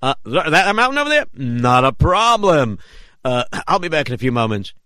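A man playing a calm, pious rabbi who speaks slowly and deliberately. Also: on the high side, dry recording. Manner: measured, slow and deliberate.

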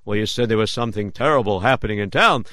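A man playing a calm, pious rabbi who speaks slowly and deliberately. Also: lowish voice, no room sound, studio quality. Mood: wary. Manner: measured, slow and deliberate.

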